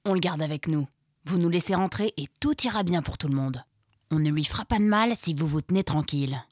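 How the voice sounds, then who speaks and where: A woman's voice: low-pitched, fairly quick, a little mellow, dry recording, studio quality. A woman voicing a wary, tough male fox scout who knows the forest well. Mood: threatening. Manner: uneasy, then coldly threatening.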